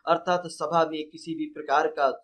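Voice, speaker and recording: A man's voice: a little high, level tone, moderate pace, fairly bright tone. A man teaching an exam-prep poetry lesson, fondly addressing his students, quizzing them and reciting verse aloud.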